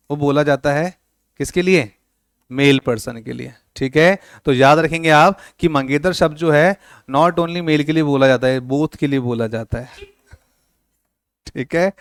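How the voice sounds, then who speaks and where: A man's voice: on the high side, clean tone, no echo, studio quality. A man teaching a classroom lecture, joking with and quizzing his students, mixing with words. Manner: playful, teasing students with questions.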